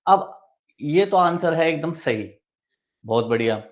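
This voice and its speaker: A man's voice: on the high side, animated, slow. A male teacher running a live online exam-prep class, explaining step by step, repeating key terms and answering his own questions. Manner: mixes English technical terms into Hindi speech. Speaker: medical exam coaching teacher.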